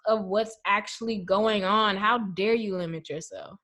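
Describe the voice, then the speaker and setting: Podcast guest, female, mid-pitched, emphatic and passionate. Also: measured pace, fairly bright tone. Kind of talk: casual conversation.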